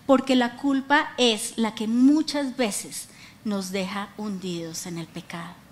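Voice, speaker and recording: A middle-aged woman preaching a lively sermon, acting out quoted voices and prompting the audience to repeat after her. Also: medium pitch, slow, a little hiss or hum.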